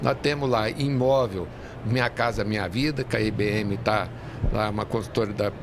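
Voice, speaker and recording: A real estate industry leader, appearing as a guest, speaks haltingly in a fairly low voice during an interview conversation. The venue is noisy with urban ambience, and the clear background sound of a busy fair comes through.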